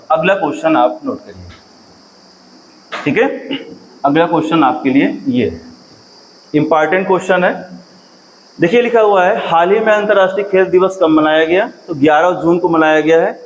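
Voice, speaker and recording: A man's voice: fairly high pitch, slight background noise, poor audio. Hindi teacher man drilling exam facts. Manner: repeats key facts, asks students questions; clears throat often. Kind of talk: exam-prep current affairs lesson.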